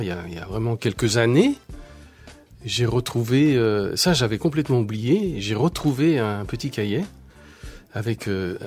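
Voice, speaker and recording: A man's voice: medium pitch, a little mellow. A man from Italy talking as a guest in a casual interview, often hesitating and repeating his words. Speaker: guest, writer.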